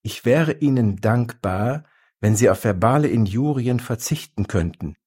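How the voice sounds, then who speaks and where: A man's voice: medium pitch, animated, measured pace, a little mellow, breathy edge. A man voicing a dignified, courteous male elephant in a storybook tale. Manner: formal, courteous.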